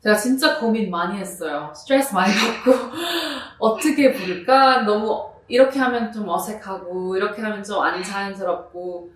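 A woman from New Jersey with a Korean American accent and native English, answering interview questions casually and haltingly, slipping between languages. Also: medium pitch. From New Jersey, United States. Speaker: musician being interviewed. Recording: roomy echo, distant microphone.

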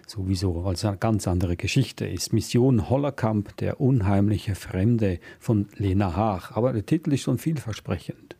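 Man, low voice, husky, relaxed chatty host, dry close sound. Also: dry recording. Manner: relaxed, chatty, with fillers and restarts. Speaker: radio book show host. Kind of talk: radio book talk.

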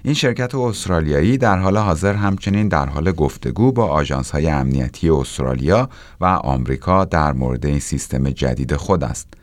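A man's voice: extremely low pitch, lively intonation, no echo. A man presenting technology news as scripted narration.

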